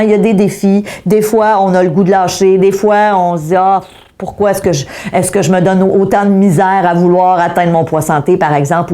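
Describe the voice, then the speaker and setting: Warm-voiced Québécois woman coaching viewers. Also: mid-range voice. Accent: Québécois French. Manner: lively, direct, rhetorical questions to viewers. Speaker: motivational speaker. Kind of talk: online coaching lesson.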